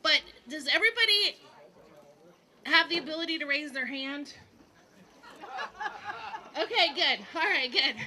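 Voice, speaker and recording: A woman's voice: sits high, animated, measured pace, long pauses, crowd noise, low-quality recording. A woman calling a live charity auction, repeating the bids in a rhythmic chant. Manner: rhythmic repetitive bid chant.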